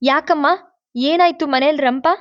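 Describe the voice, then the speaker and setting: Woman reader plays a defiant young woman, blunt and scolding, higher voice, dull dry audio. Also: unhurried, a bit bright, dry recording. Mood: suspicious. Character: sharp-tongued defiant young working woman.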